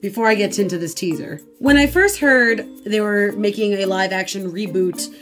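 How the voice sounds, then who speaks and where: A young woman vlogger giving an exasperated, sarcastic reaction rant in an animated way. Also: mid-range voice, moderate pace, faint music behind.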